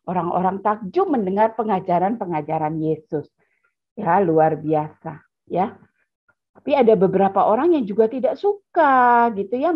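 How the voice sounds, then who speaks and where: A woman teaching a children's Bible lesson over a video call, telling the story animatedly and talking straight to the kids. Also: medium pitch. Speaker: children's Sunday school teacher. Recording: dull lo-fi video call audio.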